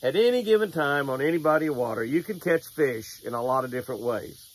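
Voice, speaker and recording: Speaking fast and animatedly at medium pitch with a breathy edge, an older American man gives a folksy devotional and fishing advice outdoors at a lake. He repeats phrases for emphasis and serves as both devotional host and fishing angler. A camera records him from close by.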